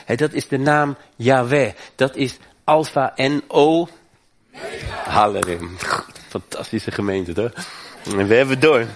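A man's voice: mid-range voice, measured pace, pauses often, a little hiss or hum. A man preaching a sermon, fervent and emphatic, his voice climbing on key points.

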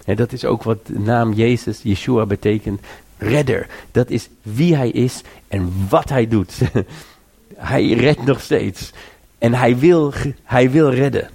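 A man's voice: medium pitch, slow, creaky, mellow, husky. A man preaching a sermon, earnest and exhorting, repeating phrases and rising to urge listeners.

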